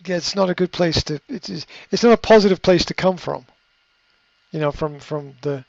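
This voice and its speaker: A coach with a fairly high voice and some vocal fry answers a question in an unscripted, reflective way, using fillers and restarting sentences as he thinks through his advice. The recording is dry and a little muffled, with no echo.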